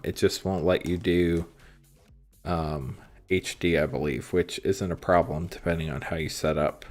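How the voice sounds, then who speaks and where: A man streaming live from his card shop, casually reading card text aloud and chatting with viewers, with frequent ums. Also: sits low. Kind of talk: casual livestream commentary on cards. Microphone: phone and computer stream setup.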